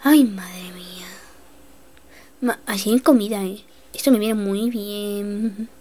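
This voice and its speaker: A young woman giving excitable, self-mocking gameplay commentary, swinging between shrieks and mutters. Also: mid-range voice, slow. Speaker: gaming youtuber.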